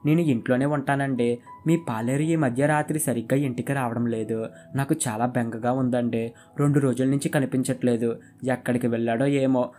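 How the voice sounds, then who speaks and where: A man's voice: mid-range voice, fairly even intonation, fairly quick, mellow, soft background music, close to an everyday voice. A man voicing a humble, devoted young village woman who speaks politely and pleadingly.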